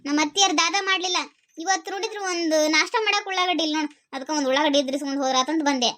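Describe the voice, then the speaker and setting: A woman with a North Karnataka Kannada accent voicing a calm, motherly village neighbour who talks in a soothing, steady way. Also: high voice, rapid-fire. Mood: chatty.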